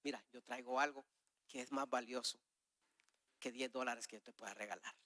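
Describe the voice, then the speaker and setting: A man preaching a sermon with a personal testimony, swinging between loud, urgent exhortation and hushed, confessional asides as he acts out conversations. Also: medium pitch, fairly even intonation, normal speed, no room sound. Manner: acts out dialogues with God and others.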